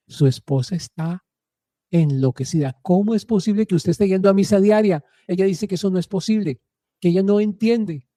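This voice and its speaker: A man hosting a faith radio program, his voice very dark and mellow yet pitched a little high. He tells stories earnestly in a preaching way and often puts rhetorical questions to listeners. The recording is dry and close. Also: dry recording. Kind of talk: radio talk on faith and marriage.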